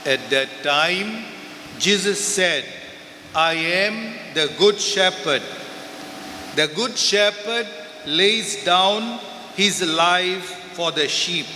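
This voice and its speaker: Goan priest on a pulpit mic, bright tense voice, very slow short phrases, big echoey church. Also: male voice, sits high, a little hiss or hum. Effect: heard through a pulpit microphone in a church. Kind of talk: Mass reading and homily. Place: large church. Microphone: pulpit microphone over church speakers. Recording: echoey church with long reverb.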